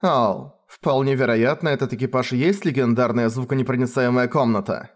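A man's voice: medium pitch, a little fast, lightly acted. A man voicing a young swordswoman who teases her companion with dry, mocking accusations. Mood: deadpan.

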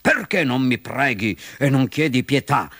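A man's voice: mid-range voice, expressive, slow, creaky, fairly bright tone, husky, dry recording, clean studio sound, exaggerated voice. Sly male fox, played by a man, gloating, chuckling, storybook.

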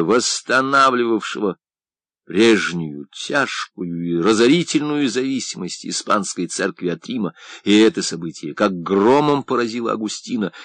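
A man narrating a literary novel in an expressive, dramatic reading style. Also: fairly low pitch, dry recording. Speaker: audiobook narrator.

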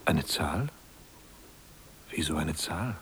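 A gentle husband who speaks softly. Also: male voice, extremely low pitch, lively intonation, slow pace, heavy background noise, heavily acted. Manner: gentle, hushed, often whispered. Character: devoted husband caring for his dying wife. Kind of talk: German radio play.

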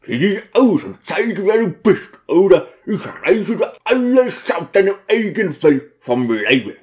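A man doing a booming, thunderous deacon. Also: big pitch swings, measured pace. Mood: commanding. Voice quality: booming, loud. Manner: barks orders, shouts to a crowd. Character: burly commanding male deacon, thunderous. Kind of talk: audiobook character voice.

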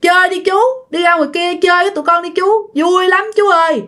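A woman doing an eerie drawn-out boy ghost. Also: extremely high pitch, fairly even intonation, sharp tone, voice pushed up. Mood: pleading. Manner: coaxing, slow drawn-out sticky voice. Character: gaunt teenage boy ghost, pestering and eerie.

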